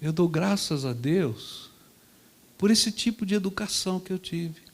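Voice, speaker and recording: A man preaching in a church, telling a story vividly and swinging between loud and soft. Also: high-pitched, expressive, a little slow. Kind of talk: storytelling sermon.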